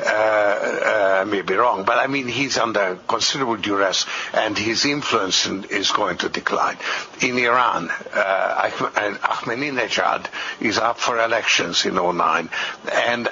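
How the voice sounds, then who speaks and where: A man interviewed in a replayed clip, speaking haltingly with many pauses. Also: fairly low pitch, pushed and bright, a little hiss or hum. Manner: hesitant, halting, many fillers. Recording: lo-fi rebroadcast clip.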